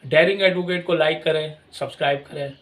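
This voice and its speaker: A man's voice: on the high side, fairly even intonation, a little fast, a bit bright. A man hosting a channel, giving a rambling, repetitive, opinionated commentary on a television drama. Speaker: drama reviewer, channel host. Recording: voice a little far from the mic.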